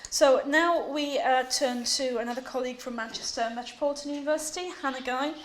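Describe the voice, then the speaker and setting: A woman's voice: sits high, steady tone, fairly quick, reverberant, slight background noise. A woman chairing an academic panel, thanking and introducing speakers.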